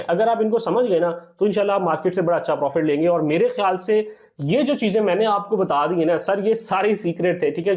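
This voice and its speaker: A man's voice: high voice, darkish tone. A man, explaining a trading strategy over a screen recording, often checking in with "theek hai" and calling viewers "sir". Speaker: trading teacher.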